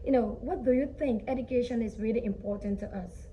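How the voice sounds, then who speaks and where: A woman's voice: fairly high pitch, fairly quick, mellow, a little hiss or hum, poor audio. A woman hosting a studio interview show, asking questions in a friendly, encouraging way. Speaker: host.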